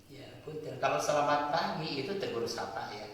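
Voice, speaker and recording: A man's voice: mid-range voice, moderate pace, fairly bright tone, slight background noise. A male preacher gives a sermon, explaining point by point and asking and answering his own questions. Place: mosque hall. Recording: echoey hall, voice from far off.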